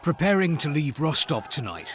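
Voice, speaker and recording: Animated male reporter over crowd noise. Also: fairly high pitch, moderate pace. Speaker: news correspondent. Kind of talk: scripted news report narration. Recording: crowd noise behind the narration.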